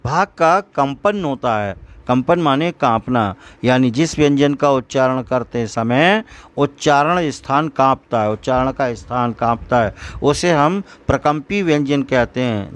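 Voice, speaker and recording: A man teaching a school grammar lesson, explaining terms patiently and drawing out example sounds. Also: medium pitch. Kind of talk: slow classroom grammar lesson.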